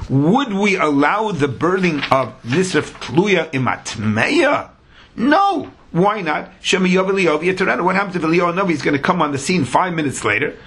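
A man's voice: on the high side, expressive, fairly quick, hardly any pauses, fairly bright tone, husky. A man teaching a religious lesson in a sing-song, argumentative way, with rhetorical questions and emphatic repetition. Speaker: Talmud teacher.

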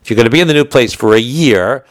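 Speaking quickly in a mid-range voice, this man leads a casual class on religious law, captured in a dry recording. His explanations of the texts digress, and he keeps restating points and putting questions to himself.

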